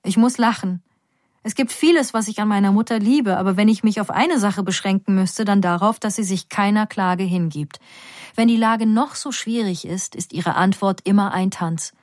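A woman reading a first-person story aloud in a calm, measured, quiet voice. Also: mid-range voice, dry recording, clean studio sound. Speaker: reader.

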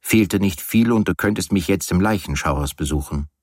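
A man's voice: deep voice, normal speed, slightly rough, dry recording, clean studio sound. A man doing a weary, sardonic sick man. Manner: gloomy, sardonic.

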